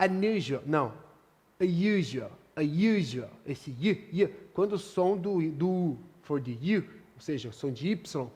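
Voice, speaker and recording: A man's voice: fairly high pitch, a little mellow, long reverb tail. A Portuguese-speaking man with a Brazilian accent teaching English pronunciation in a lesson, repeating words and checking understanding often. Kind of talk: classroom lesson explanation.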